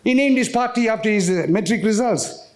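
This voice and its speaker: On stage at a gala dinner, a man with an Indian South African accent performs live stand-up, telling stories animatedly, acting out dialogue and questioning the crowd. His voice sits high and he talks fairly quickly.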